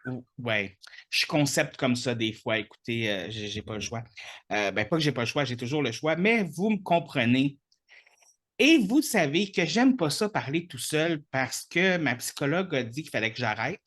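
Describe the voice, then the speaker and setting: A man with a Québécois accent hosts a podcast. He talks casually and playfully and jokes as he goes. The chat stays relaxed and informal. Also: mid-range voice, normal speed. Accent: Québécois French. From Quebec. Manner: playful, joking. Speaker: podcast host.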